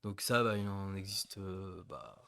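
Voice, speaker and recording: Hesitant low-voiced man, dry sound. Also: animated, measured pace, vocal fry, fairly bright tone, no echo. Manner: hesitant, full of fillers and restarts, laughs easily. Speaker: co-host of a company webinar. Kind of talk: casual webinar chat.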